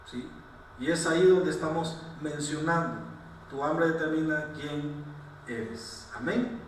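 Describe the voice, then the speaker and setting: A man's voice: on the high side, takes it slowly, a little hiss or hum. A male pastor preaching a sermon, asking the same rhetorical questions again and again and breaking off into apologetic asides. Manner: repeats rhetorical questions, asks "¿sí?" often; apologetic, self-correcting asides. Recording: very echoey room, distant mic.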